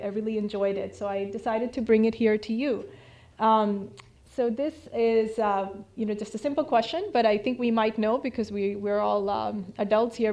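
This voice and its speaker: A woman in her thirties from India, whose first language is Hindi, gives an informal slideshow talk at a community center. Her voice is medium-pitched with a darkish tone. She's chatty, with plenty of fillers and restarts.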